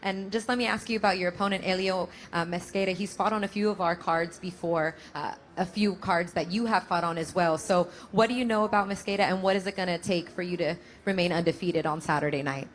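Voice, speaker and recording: A woman's voice: fairly low pitch, fairly even intonation, brisk, few pauses, a little hiss or hum. A woman with an American accent, hosting a boxing press conference as moderator. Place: live press event, at a table of fighters.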